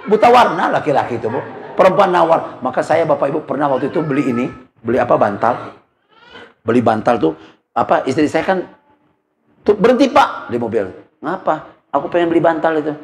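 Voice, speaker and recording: A man's voice: fairly high pitch, sing-song, brisk, long pauses, roomy sound, a faint crowd, a little hiss or hum. A middle-aged man giving a comic sermon, telling jokey stories and constantly turning to the congregation. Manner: joking storyteller, addresses the congregation constantly. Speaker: preacher. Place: mosque.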